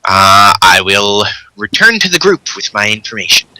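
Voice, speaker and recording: A man playing a tabletop game, asking slow, hesitant questions with many ums. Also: on the low side, big pitch swings, pushed and bright, rough recording. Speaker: player.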